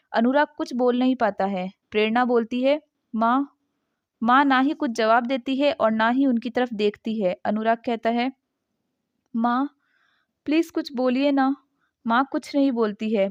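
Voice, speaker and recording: A woman storyteller narrates a moral family tale in a gentle, expressive voice that sits high. The recording is dull and lo-fi, dry with no room echo.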